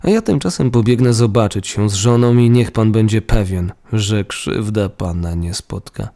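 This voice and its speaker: A courteous young nobleman's ghost, long parted from his body, as a man reads him, pleading his case with stiff formal humility. The voice sits low and mellow, and this is a storybook telling. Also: moderate pace, close to an everyday voice. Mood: polite.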